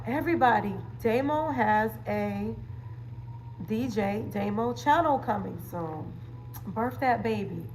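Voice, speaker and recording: This low-quality recording, with a little hiss or hum, features a woman's slightly high, slightly mellow voice. A livestream host and wellness coach, she jokes around with viewers in slangy, chatty phrases, repeating catchphrases and laughing often.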